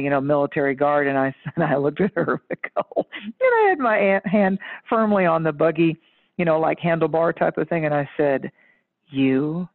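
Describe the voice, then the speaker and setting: Woman, lively emphatic storyteller, guest psychic chatting, thin phone-line sound. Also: low voice. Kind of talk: animated anecdote-telling in casual chat. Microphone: phone or call line.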